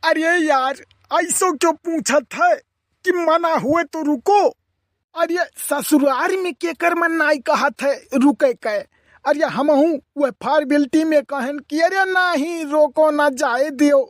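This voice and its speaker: In clean, echo-free studio sound, a performer uses a high voice and slow pace to play a teasing, grumbling cartoon village uncle. His rustic eastern Uttar Pradesh (Awadhi) accent drives exclamatory, colloquial comedy dialogue as he tells a story indignantly.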